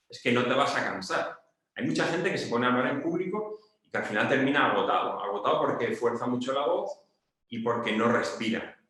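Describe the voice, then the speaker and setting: A man's voice: mid-range voice, a bit bright. Spanish man coaching, very echoey room. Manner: explains with examples, asks "¿vale?". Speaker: public speaking coach. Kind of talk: casual video lesson.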